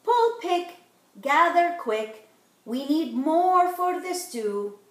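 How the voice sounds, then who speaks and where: A middle-aged woman gives an animated read-aloud of a children's picture book indoors in her living room, drawing out the rhymes with expression. She speaks slowly in a very high voice with lively intonation, in a roomy home recording.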